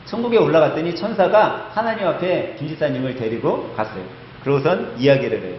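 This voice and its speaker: A man's voice: a little high, expressive, fairly quick, slight background noise. A male pastor preaching a sermon, emphatic, telling a story and putting rhetorical questions to the congregation. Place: church sanctuary. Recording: echoey church hall, slightly dull sound.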